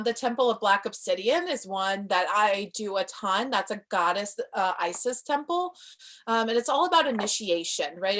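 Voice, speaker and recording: A woman's voice: mid-range voice, a bit bright. Chatty woman teaching spiritual training. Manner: enthusiastic, chatty, reads viewer comments. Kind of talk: casual live-stream teaching.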